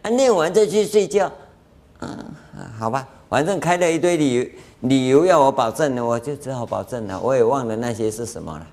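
Talking fast with few pauses at a medium pitch, this Buddhist master has a Taiwanese Mandarin accent and lectures on the dharma in a lecture hall. He animates his anecdotes, performing the dialogue and chuckling along.

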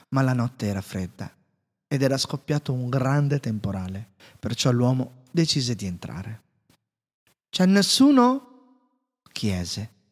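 A man narrating a storybook in a calm, measured way. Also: medium pitch, breathy edge. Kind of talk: storybook reading. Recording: reverberant room.

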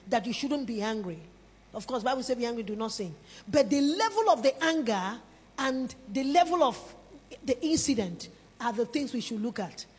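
A woman preaches with a high, bright-pitched voice, pressing her points home with emphasis. She calls on the congregation to lift their hands and repeat after her. Her voice rings out with a long reverb through a large hall. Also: slightly rough. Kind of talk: sermon.

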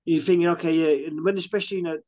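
A man's voice: a little high, steady tone, rapid-fire, mellow. Man, business owner, casual interview, rambling storyteller, dull lo-fi recording. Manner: chatty, restarts often, retells customer quotes.

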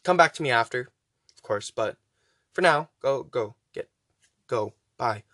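A man's voice: mid-range voice, animated, measured pace, fairly bright tone, no room sound. A man hosting a casual, rambling podcast, chatty and urging listeners on, pronouncing his R sounds weakly, close to W. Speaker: podcast host.

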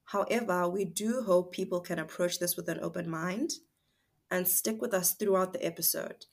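A woman with a Zimbabwean accent co-hosting a podcast, speaking in a thoughtful, measured way. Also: lowish voice. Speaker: podcast co-host. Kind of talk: casual discussion.

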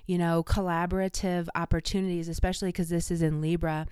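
A woman's voice: fairly low pitch, flat delivery, quick pace, darkish tone, clean tone, dry recording, studio quality. A woman with a slight cold, chatting casually and enthusiastically to viewers as an astrologer. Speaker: astrologer giving a forecast.

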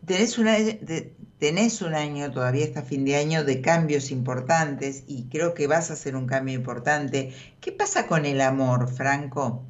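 Argentine accent, fortune teller, tarot radio host, conversational card reading, middling pitch, muffled lo-fi audio. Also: normal speed, few pauses. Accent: Argentine Spanish.

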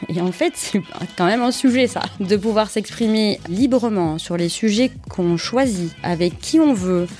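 A woman in her thirties from southern France, a relaxed interview guest who laughs between phrases, recorded in an office. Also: mid-range voice, normal speed, soft background music. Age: 30s. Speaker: guest, entrepreneur. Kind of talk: casual interview.

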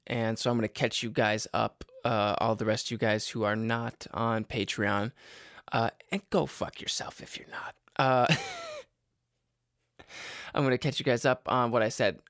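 Male podcast host, worn out and sick, gravelly and dry, rambling casual update. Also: dry recording. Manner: low-energy, rambling with many fillers and restarts. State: tired and unwell.

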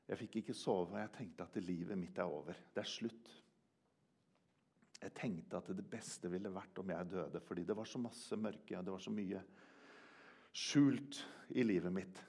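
An older man preaching a sermon in a church, earnest, swinging from loud emphasis to hushed quiet. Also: low voice, breathy edge. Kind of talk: sermon with personal testimony.

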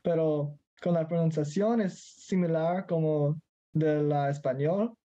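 Slightly high and a little slow, this warm-toned voice comes through with the highs cut off. It belongs to a Mexican teen whose first language is Spanish, chatting casually as a guest while hesitating, hunting for words, and occasionally slipping into English.

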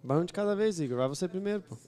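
A man's voice: high-pitched, expressive, rapid-fire, a crowd in the background. A man with a Brazilian accent bantering casually on a livestream, insistent and slangy, often repeating himself. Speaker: livestream co-host. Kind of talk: casual live-stream banter.

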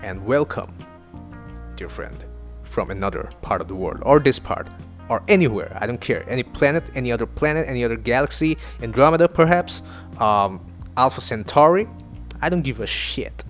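Over faint background music, a young podcast host from Northeast India, Assamese by first language, rambles through a casual solo monologue. His mid-range voice is animated and his pace moderate, and he swears freely and pokes fun at himself. The sound comes from a home studio microphone.

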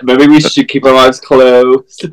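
A man's voice: mid-range voice, little pitch movement, slow, low-quality recording. A man hosting a podcast, chatting casually and teasing his guest with playful banter. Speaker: podcast host. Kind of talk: casual chat.

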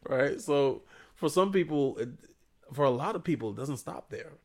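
Blunt, joking man with a gravelly voice. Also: on the high side, animated, normal speed. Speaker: podcast co-host. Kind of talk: casual opinionated chat.

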